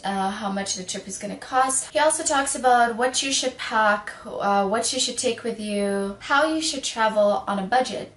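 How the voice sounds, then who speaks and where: Woman from Sudan in a roomy echo. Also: a little high. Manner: upbeat, listing questions to viewers. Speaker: ad presenter. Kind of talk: promotional read. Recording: roomy echoing recording.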